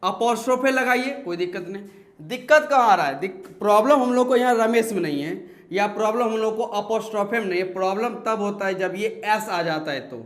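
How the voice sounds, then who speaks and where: A man's voice: high voice, normal speed, fairly bright tone. Man teaching grammar in an echoey room. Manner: explains step by step, repeats key words and asks the class questions. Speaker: English teacher. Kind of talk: classroom grammar lesson.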